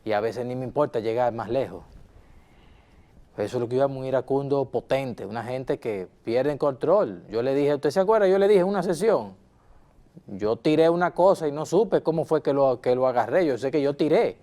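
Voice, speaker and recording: A man's voice: mid-range voice, normal speed, warm tone, close to an everyday voice. A man playing an insistent hot-tempered husband. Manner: insistent, repeats himself, addresses counselor formally. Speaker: counseling client. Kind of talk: role-played counseling session.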